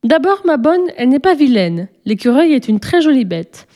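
A woman's voice: sing-song, moderate pace, warm tone. A woman doing a stubborn little girl. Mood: insistent. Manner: eager, pleading, high-pitched.

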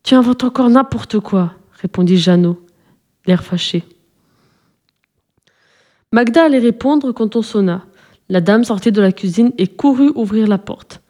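A woman reading a children's storybook aloud as narrator, calmly and evenly. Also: medium pitch, unhurried, pauses often.

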